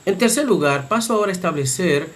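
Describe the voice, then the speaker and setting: Man lecturing methodically, slightly high voice. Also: lively intonation, fast, a bit bright. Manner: methodical explanation with frequent "eh" hesitations. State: clears throat now and then. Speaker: Greek teacher. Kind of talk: recorded lecture on Greek pronunciation.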